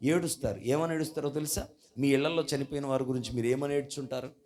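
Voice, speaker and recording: Preaching fast at a church service, a man with a mid-range voice and fairly even intonation repeatedly questions the congregation and asks them to respond. His volume jumps abruptly from loud to soft and back.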